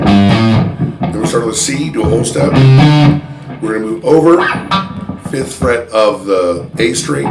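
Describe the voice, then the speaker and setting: A man teaching a guitar lesson in a chatty, self-deprecating way, pausing to play examples. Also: fairly low pitch, creaky. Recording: roomy sound with loud guitar playing. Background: electric guitar playing.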